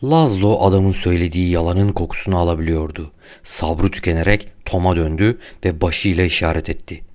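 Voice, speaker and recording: A man narrating an audiobook in a measured, even storytelling delivery. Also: low-pitched.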